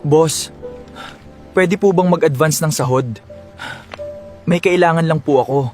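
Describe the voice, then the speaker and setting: A man's voice: a little high, measured pace, darkish tone, soft background music, natural voice. A man acting a desperate, guilt-ridden husband in a melodrama, pleading and anguished. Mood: humble pleading.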